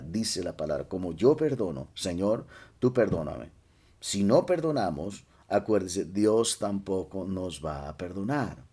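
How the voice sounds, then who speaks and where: A man preaching a sermon with a Mexican Spanish accent, speaking emphatically and addressing his listeners directly. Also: fairly low pitch.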